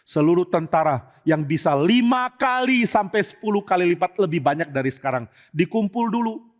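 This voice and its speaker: A man's voice: high-pitched, animated, normal speed, in a large hall. A man plays a crafty advisor who is secretly loyal to the old king. He speaks in a coaxing, persuasive way. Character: loyal male friend posing as advisor, crafty.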